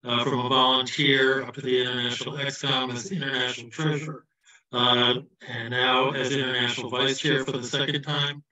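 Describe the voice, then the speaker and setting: A man's voice: medium pitch, little pitch movement, brisk, bright, forceful tone. A man from the US Midwest giving an informal campaign speech on a video call, his voice carrying a heavy hall echo. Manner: informal, loose and self-deprecating. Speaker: candidate for party office. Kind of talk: campaign speech at an online event. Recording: echoey room, far from the mic, dull.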